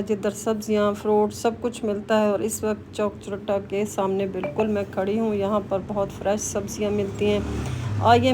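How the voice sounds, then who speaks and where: A woman vlogger narrating her outing in a voice-over, talking directly to her viewers. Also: medium pitch. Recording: loud noise behind voice-over.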